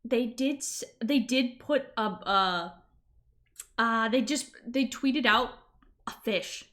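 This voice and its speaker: A woman with a high, bright and forceful voice gives her reaction in casual streamer chat. She is informal and animated, stressing her points and slipping into quoted reactions. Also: takes it slowly.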